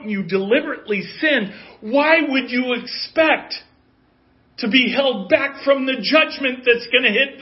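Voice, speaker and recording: Earnest preacher man in his fifties. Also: very high-pitched. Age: 50s. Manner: earnest, conversational preaching with rising emphasis. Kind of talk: sermon. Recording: dull lo-fi audio.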